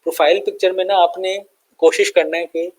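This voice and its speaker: A young man with a Pakistani Urdu accent explaining step by step in a screen-share tutorial, relaxed and full of fillers and check-ins. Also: sits high, brisk, low-quality recording. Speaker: online tutor.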